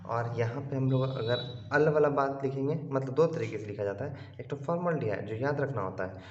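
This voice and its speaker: A man teaches a chemistry class, explaining slowly and repeating key terms so students can follow. He often asks the students' questions himself before he answers them. The recording sounds roomy and a little dull, as if captured at a board in an echoey room. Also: mid-range voice, a little hiss or hum. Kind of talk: online class lecture.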